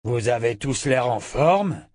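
A man playing a hulking border guard, gruff and terse, in a storybook reading. His words come slow and grumbling, in a darker, different timbre. The sound is dry and close. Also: medium pitch, lively intonation, a little mellow, no echo.

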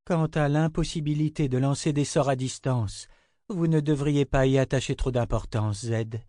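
A man reading a fantasy audiobook voices a confident male companion who explains things calmly and reasonably. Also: medium pitch, moderate pace, no room sound, clean studio sound, natural voice. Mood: reasoning.

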